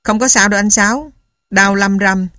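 A man reading a story and voicing a calm young pregnant woman. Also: high-pitched, moderate pace, dry recording, clean studio sound, pitched above the performer's own voice. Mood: reassuring.

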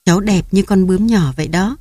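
A woman reading the part of a gentle young woman in love, speaking sweetly. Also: mid-range voice, brisk, husky, no echo, close to an everyday voice. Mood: fond.

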